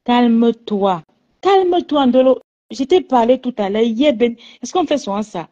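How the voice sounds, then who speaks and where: Scolding on lo-fi call. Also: female voice, fairly high pitch, lively intonation, unhurried, mellow. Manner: insistent, repeatedly soothing and scolding. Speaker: friend calling in on a live stream. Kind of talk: pleading phone call into a live stream. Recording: dull lo-fi phone audio.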